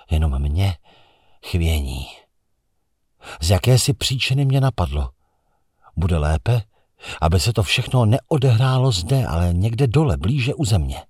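Deep, husky male audiobook narrator. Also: lively intonation, pauses often, a little mellow, dry recording, studio quality. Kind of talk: first-person literary narration.

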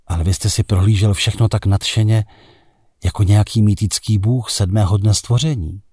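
A man reading the lines of a cool, sharp-witted young woman in a story, measured and faintly ironic. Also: on the low side, steady tone, husky, no room sound, studio quality.

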